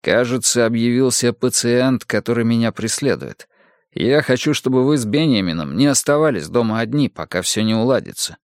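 A man reading an audiobook, voicing a shaken middle-aged psychiatrist who talks tensely and haltingly. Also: mid-range voice, no room sound, clean studio sound, close to an everyday voice.

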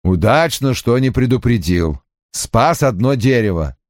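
A man's voice: mid-range voice, animated, measured pace, no room sound, lightly acted. A man voicing a dry, sardonic middle-aged detective who speaks in teasing remarks.

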